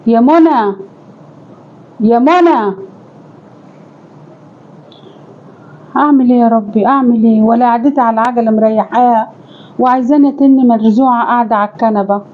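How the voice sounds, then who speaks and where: A long-suffering older mother-in-law with an Egyptian accent, played by a woman, pleading and sighing as she talks quickly in a high voice. The recording is dull and lo-fi, like a homemade family sketch. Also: close to an everyday voice. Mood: weary. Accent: Egyptian Arabic. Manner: plaintive, sighing appeals to God.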